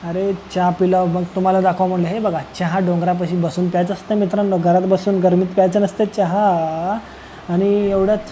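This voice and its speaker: This high, warm voice belongs to a young man from Solapur, Maharashtra, who narrates his travel vlog casually, joking, rambling, and treating viewers as friends. The rough recording carries a little hiss or hum.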